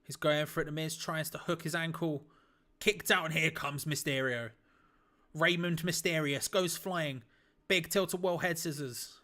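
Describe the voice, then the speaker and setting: An excitable man calling wrestling live for his stream, his voice sitting a little higher than most men's. He talks casually and bluntly, throws in the odd mild swear, and jumps up in volume when a big move lands. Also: normal speed. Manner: excitable, breaks into shouts at big moves. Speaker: watch-along streamer. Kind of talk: live play-by-play reaction commentary.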